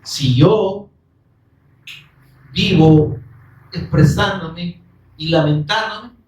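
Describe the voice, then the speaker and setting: A man preaching a sermon in an animated way, swinging between loud calls and soft asides and acting out complaints. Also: fairly high pitch, drawn-out words, reverberant, distant mic, slight background noise, poor audio.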